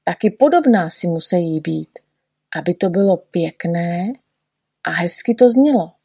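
A woman's voice: on the low side, animated, dark tone, husky, no room sound, clean studio sound. A woman voicing a fussy little male poet in a storybook reading, patiently explaining and correcting. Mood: lecturing.

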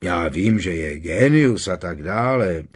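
A man's voice: low-pitched, expressive, husky. A man reading an audiobook, voicing a cheeky teenage wizard boy who teases in a wry, drawling way. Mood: teasing. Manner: teasing, wry.

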